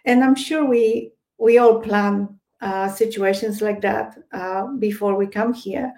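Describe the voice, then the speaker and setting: Her medium-pitched voice is warm and fairly even, and she speaks slowly with a Polish accent. A guest psychic medium from Poland, she talks hesitantly in a casual interview, using many fillers and starting over.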